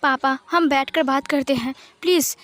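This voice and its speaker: A woman's voice: high voice, moderate pace. A woman voicing a protective older brother. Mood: reassuring. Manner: soothing, steady reassurance.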